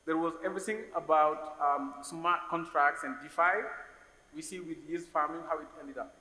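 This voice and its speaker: Speaking at a normal speed in a fairly high, sharp voice, a Senegalese man in his forties serves as an investor on a conference panel. He talks thoughtfully, often repeating words as he hunts for what to say next. He's on a large conference hall stage using a stage microphone on a stand, and the recording has roomy reverb and faint hiss.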